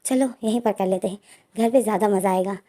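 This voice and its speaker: A woman voicing a teasing, scheming young man who speaks in a low, smug way. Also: quick pace, dark tone, natural voice.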